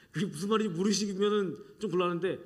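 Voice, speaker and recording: A middle-aged male pastor with a high voice delivers an animated sermon, acting out the voices he quotes and sometimes falling to a soft whisper.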